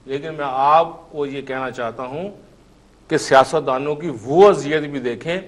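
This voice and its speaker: Insistent male politician arguing hard. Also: a little high. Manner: insistent, repeats phrases to hold the floor. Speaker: politician guest. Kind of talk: heated political debate.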